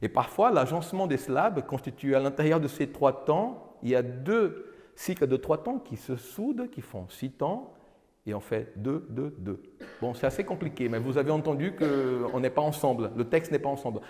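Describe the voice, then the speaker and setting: With lively intonation, a darkish tone and normal speed, the man lectures on rhythm and counts beats, frequently starting over. Guitar accompanies the occasional sung cantoria verses, and the hall carries a long reverb.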